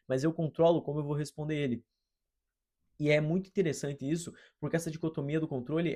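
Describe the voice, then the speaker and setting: Young man, Brazilian Portuguese accent, slightly high voice, casual storytelling, slangy and animated. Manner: slangy, animated, addresses listeners as "irmão" and "mano". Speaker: host.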